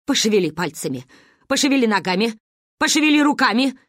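A woman's voice: a little high, a little fast, no echo, clean studio sound, close to an everyday voice. A woman reading a story aloud and voicing an anxious, fussy old grandmother who scolds. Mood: fussing.

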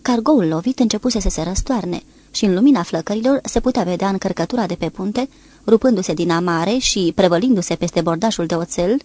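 A woman narrating an audiobook in a steady, even-paced reading voice, lifting her voice a little for shouted dialogue. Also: mid-range voice.

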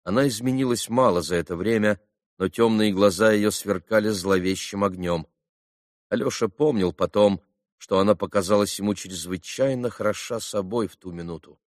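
A man reading a classic novel aloud as an audiobook narrator, in a measured, steady reading style. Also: lowish voice, no room sound, studio quality. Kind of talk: scripted narration.

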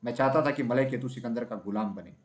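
Male storybook narrator, steady and even, mid-range voice. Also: mid-range voice, fast talker. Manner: steady, even reading with small slips.

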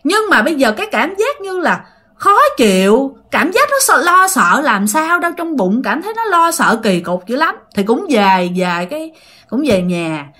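This woman's ghost story comes in a high, sharp voice with big pitch swings and a moderate pace. She keeps the tone conversational, regularly speaking right to her listeners.

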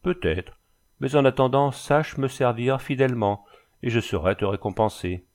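A tall, cold bandit chief with a Flemish accent, voiced by a male reader. His speech is smooth and sing-song, lifted in pitch and almost feminine in its softness. He commands rather than asks. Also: moderate pace, natural voice. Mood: coolly threatening.

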